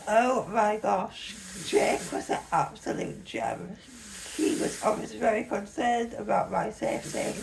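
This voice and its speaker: A young woman tells a personal story in a chatty, animated way. Her voice has a gravelly edge, and her pitch swings widely as she talks. A steady hiss runs under the recording. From Leeds, England. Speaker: vlogger. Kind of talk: casual storytime.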